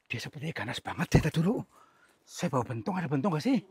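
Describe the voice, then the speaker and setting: Very husky man, hushed. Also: on the high side, big pitch swings, quick pace. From Cilacap, Central Java. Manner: hushed, placating, often whispering. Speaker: ghost-hunting vlogger. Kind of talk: staged ghost-hunting vlog. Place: outdoors on an overgrown hillside.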